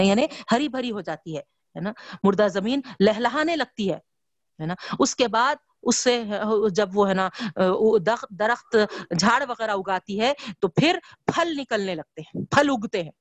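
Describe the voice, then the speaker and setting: A woman's voice: medium pitch, no room sound. A woman giving a Quranic commentary lecture, stuffing her speech with a constant tag filler and asking emphatic rhetorical questions. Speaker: religious teacher.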